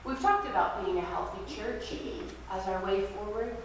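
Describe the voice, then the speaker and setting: A woman pastor preaching a sermon at a pulpit microphone in a church sanctuary, in a gentle, reflective way that invites listeners to practice. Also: mid-range voice, normal speed. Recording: very echoey church hall, distant mic, faint hiss.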